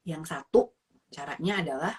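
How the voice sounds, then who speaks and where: A woman's voice: deep voice, moderate pace, a little mellow, breathy edge. A woman with an Indonesian accent giving casual parenting advice as a psychologist, mixing English phrases in and acting out parent and child lines.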